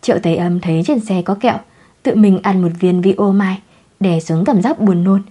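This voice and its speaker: A woman narrates a novel in a steady, measured storytelling voice of middle pitch. Her tone is warm and mellow, with a soft husky, breathy texture. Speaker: audiobook narrator.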